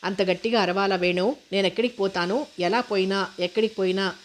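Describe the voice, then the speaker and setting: Woman reading soft-spoken young girl, hurt and a bit teasing, storybook, flat even tone. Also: medium pitch, fairly quick, slight background noise, lightly acted. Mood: gently teasing.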